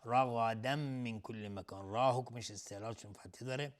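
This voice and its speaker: A man teaching Quran recitation on a television lesson. He explains the pronunciation rules briskly, chants the verses slowly and melodically, and repeats single sounds again and again as a drill. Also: medium pitch. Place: TV studio.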